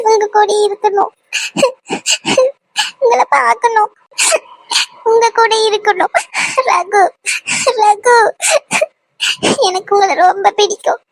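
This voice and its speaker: A very high-pitched, gravelly voice of an insecure young woman in a cartoon , as a performer plays her. She sounds tearful, pleading and blaming herself, recorded dry and close. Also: flat delivery, a little slow, long pauses, no room sound, poor audio. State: crying.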